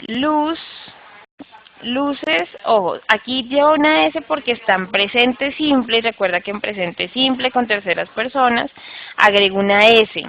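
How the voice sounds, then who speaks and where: A woman's voice: a little high, measured pace, lo-fi sound. A woman with a Colombian accent teaching English grammar online, explaining step by step and checking in often with her students. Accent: Colombian Spanish.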